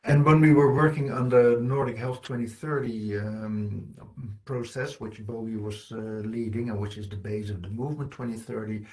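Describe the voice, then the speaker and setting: A man's voice: lowish voice, steady tone, normal speed, a little mellow. A middle-aged man from the Netherlands, giving an earnest, explanatory conference presentation and often restarting his phrases. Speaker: conference speaker.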